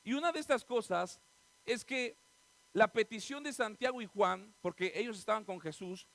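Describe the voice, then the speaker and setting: High-pitched gravelly pastor preaching. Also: male voice, moderate pace, no room sound, low-quality recording. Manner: animated preaching, acting out quoted voices, swinging from loud to soft. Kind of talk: sermon.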